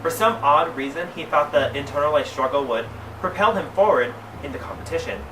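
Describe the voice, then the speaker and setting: Sassy drag queen man in a noisy, echoey room. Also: a little high. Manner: theatrical, drawn-out emphasis with mock-scandalized asides. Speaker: drag queen presenter reading fan fiction aloud. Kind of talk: comedic dramatic reading with casual asides. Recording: roomy, distant mic, clearly noisy background.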